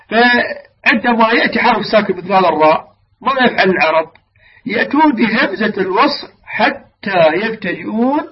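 A man teaching the rules of Quran recitation, stretching example words out slowly and asking his listeners questions he answers himself. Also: high voice, slightly rough. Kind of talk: religious lesson on recitation rules. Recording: distant, dull lo-fi mic with faint noise.

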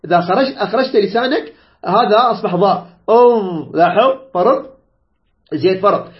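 A man's voice: high-pitched, brisk. A man teaching a tajweed lesson, repeating points, quizzing students and stretching out example words. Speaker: Quran recitation teacher. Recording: dull lo-fi recording.

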